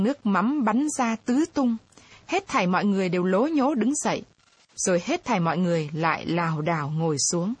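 A woman narrating a novel in a steady late-night reading. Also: medium pitch, slightly rough, no echo. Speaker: storyteller.

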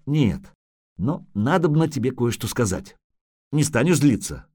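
A man's voice: mid-range voice, big pitch swings, measured pace, dark tone, breathy edge. A man doing an eager, pleading wife. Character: anxious loving merchant's wife, adult woman.

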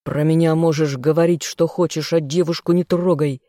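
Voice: medium pitch, steady tone, normal speed, dark tone, no room sound, clean studio sound, natural voice. A reader voicing a proud, protective elf nobleman in a fantasy audiobook. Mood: angry.

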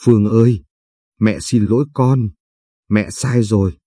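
A man's voice: on the low side, fairly even intonation, unhurried, warm tone, no echo, studio quality. Man reading as a pleading, tearful mother. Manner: begging, weepy pleading. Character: desperate indebted middle-aged mother, pleading and tearful.

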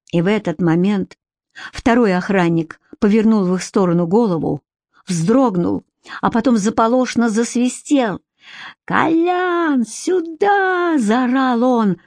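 A woman reading an audiobook in steady, measured narration. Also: mid-range voice, no echo, studio quality. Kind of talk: scripted narration.

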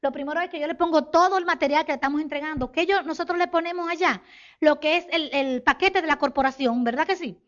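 A woman from the Republic, giving an animated business talk to an audience and acting out sales conversations. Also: high voice, quick pace, lo-fi sound. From Dominican Republic. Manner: animated, acts out sales dialogues, addresses audience as señores. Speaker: network marketing business speaker.

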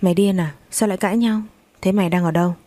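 A woman's voice: medium pitch, fairly even intonation, quick pace, mellow, dry recording, lightly acted. A woman voicing a blunt but caring older female friend on the phone in a story reading. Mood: concerned. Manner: blunt, direct.

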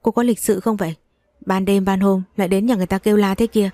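A woman's voice: medium pitch, steady tone, fast, dark tone, dry recording, clean studio sound, natural voice. A woman voicing an irritable young housemaid who speaks curtly and scolds. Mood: scolding. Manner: curt, scolding. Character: irritable young female housemaid guarding the gate.

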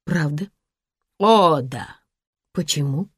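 A woman voicing a wary, hushed young woman. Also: sits low, expressive, slow, husky, no room sound, studio quality, exaggerated voice. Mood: wary, pleading. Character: anxious young woman pleading quietly. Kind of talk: audiobook character voice.

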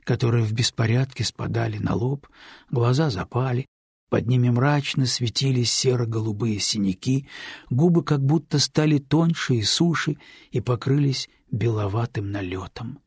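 Male audiobook narrator, gravelly voice, very husky, dry close recording, steady scripted narration. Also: mid-range voice, normal speed, no room sound.

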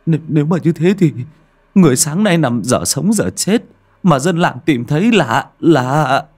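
A man's voice: on the high side, animated, very fast, dark tone, voice pushed up. A man voicing a trembling old village man who stammers in panic in an audio story. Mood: panicked.

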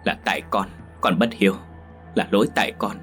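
A man's voice: lowish voice, steady tone, a little fast, fairly bright tone, soft background music, lightly acted. A man voicing a remorseful young man who pleads tearfully.

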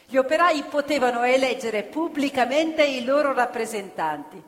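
A high-pitched, expressive woman narrates a stage play about factory workers at a normal speed, her impassioned storytelling slipping into song. She is the theatre narrator, recorded live on a theatre stage with long reverb and music.

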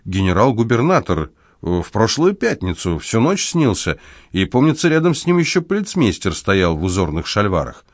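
Voicing a playful young con man full of confidence, a man keeps things breezy, joking and mock-serious. He speaks at a moderate pace in a lowish voice with big swings in pitch, in echo-free studio-quality audio.

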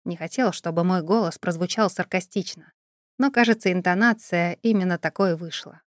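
A woman narrating an audiobook in an even, first-person storytelling manner. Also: on the low side, normal speed, no room sound, clean studio sound.

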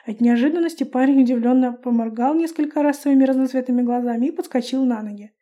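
A woman narrating a first-person fantasy audiobook with a lively, expressive reading. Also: high-pitched, fast talker.

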